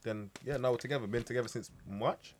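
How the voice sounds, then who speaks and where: A man's voice: mid-range voice, fast talker, heavy background noise. A young man, telling stories casually to friends in slang and repeating words for emphasis. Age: young adult. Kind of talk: casual storytelling among friends.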